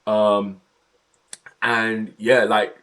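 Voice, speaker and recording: A man's voice: fairly low pitch, little pitch movement, extremely slow, fairly bright tone. A young man chatting casually on his livestream, slang-heavy and talkative, in his home office.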